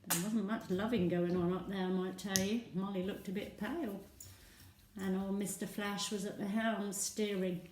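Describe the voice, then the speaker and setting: A woman recounts a comic day out in a chatty, gossipy way, slipping into whispers and little sung bits. Her voice is mellow and soft-edged. She sounds a little way off from the microphone, in a roomy space with echo. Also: mid-range voice, fairly even intonation, normal speed, recorded from a distance, slight background noise. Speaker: storyteller. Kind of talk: first-person comic monologue.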